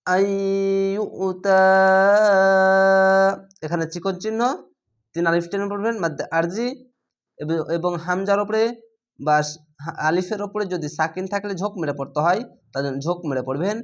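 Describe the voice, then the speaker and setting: A man teaching Quran reading, explaining each rule and then chanting the words slowly and drawn out. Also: high-pitched. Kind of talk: spelled-out recitation lesson.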